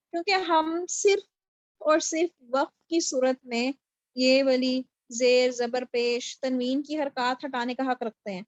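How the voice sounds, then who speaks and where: A woman's voice: high-pitched, no room sound, highs cut off. A woman teaching Quran recitation in an online class, explaining patiently and checking her students follow. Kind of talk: online tajweed lesson. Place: home, on a video call. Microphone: video call mic.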